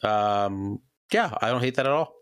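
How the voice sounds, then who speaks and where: A man's voice: lowish voice, expressive, moderate pace, fairly bright tone, smooth, no echo, studio quality. A man in casual chat, answering quiz questions in a hesitant way, full of fillers. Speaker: guest.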